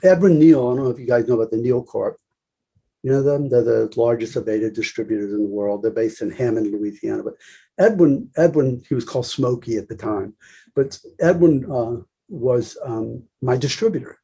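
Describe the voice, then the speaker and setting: A middle-aged man speaks as a podcast guest, his voice dark and mellow with a husky edge. He tells stories in a lively way and jumps into the voices of the people he quotes. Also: medium pitch, normal speed. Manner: lively anecdotal storytelling, acts out quoted voices. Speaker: podcast guest, salon owner. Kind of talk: storytelling interview.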